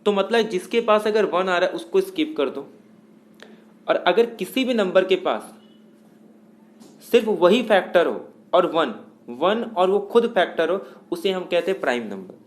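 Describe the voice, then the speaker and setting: A man's voice: sits high, animated, measured pace. A male math teacher, giving a lecture in a step-by-step way, asking questions and answering them himself. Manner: explains step by step, asks and answers own questions; mixes English math terms into Hindi. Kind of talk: classroom lecture.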